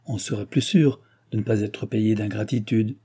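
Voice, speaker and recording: A man's voice: fairly low pitch, normal speed, dark tone, slightly rough. A man voicing a witty, flirtatious royal mistress in an audiobook, raised and coaxing. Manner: playful, coaxing.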